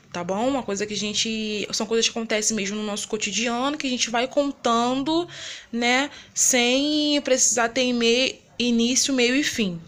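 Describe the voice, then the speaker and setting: A woman's voice: a little high, a bit bright. A Brazilian woman teacher in a recorded lesson, patiently explaining and repeating herself, checking in with her students over and over. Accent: Brazilian Portuguese. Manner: frequent tag questions like né and tá bom.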